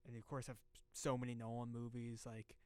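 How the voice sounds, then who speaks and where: A young man hosting a laid-back interview, choosing his words politely and earnestly. His voice is smooth and resonant, recorded close and dry. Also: mid-range voice, level tone, a little fast, a little mellow, no echo. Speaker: podcast host. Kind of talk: casual interview.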